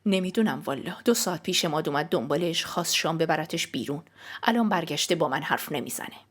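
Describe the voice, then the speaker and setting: A woman's voice: low-pitched, lively intonation. A fretful middle-aged mother who fusses and keeps asking questions, as a woman narrator reads her. Her voice stays close to the narrator's own in this audiobook.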